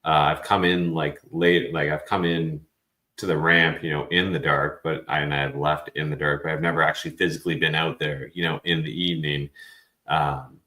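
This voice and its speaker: A man's voice: very deep voice, flat delivery, moderate pace, bright, forceful tone, roomy sound. A man hosting a podcast in casual chat, filling his talk with "like" and "you know". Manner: filler-heavy, says "like" and "you know" often. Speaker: podcast host.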